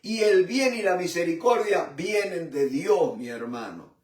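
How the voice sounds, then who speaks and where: Fervent male Bible teacher, high voice, halting restarts; echoey distant room recording. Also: expressive. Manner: fervent, repeats "mi hermano" and "¿no es cierto?"; halting with restarts, swells and drops in loudness. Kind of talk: Bible study sermon. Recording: roomy echo from a distant mic.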